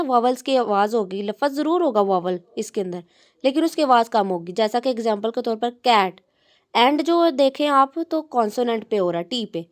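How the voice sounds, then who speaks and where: A woman with a slightly high voice teaches in a patient classroom manner. She stretches example words out slowly and weaves English terms into her explanations. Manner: mixes English terms into Hindi-Urdu speech.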